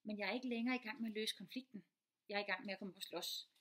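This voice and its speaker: A middle-aged woman, a teacher and mother, giving casual advice, talking quickly with many fillers and restarts. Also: mid-range voice, fairly bright tone. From Denmark.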